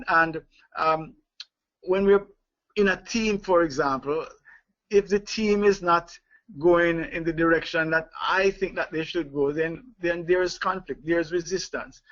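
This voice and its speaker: Halting man giving a webinar. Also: on the high side, a bit bright. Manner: hesitant, many fillers and restarts, chuckles often. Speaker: leadership trainer leading a webinar. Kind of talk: live online training talk. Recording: dull lo-fi webinar audio.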